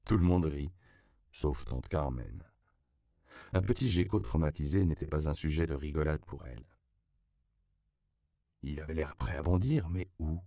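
A man reading a novel aloud as an audiobook narrator, measured and even, on a close studio mic. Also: a bass voice, vocal fry, no echo. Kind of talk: scripted narration.

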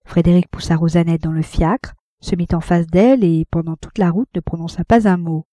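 A woman narrating a classic novel with a mellow, lowish voice. Her reading is measured and even, and the sound is dry and close, with no room around it. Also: dry recording. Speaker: audiobook narrator.

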